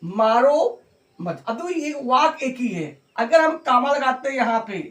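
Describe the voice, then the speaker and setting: A middle-aged man teaching an English grammar lesson, encouraging students and drawing out example phrases slowly. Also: extremely high pitch, fairly bright tone.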